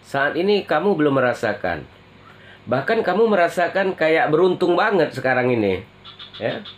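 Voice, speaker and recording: A man giving a tarot reading to his viewers, speaking in a slow, drawn-out way and tagging nearly every phrase with a questioning "ya". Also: fairly high pitch, big pitch swings, slight background noise. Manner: slow, drawn-out delivery with constant "ya" tag questions; addresses viewers as friends. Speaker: tarot reader.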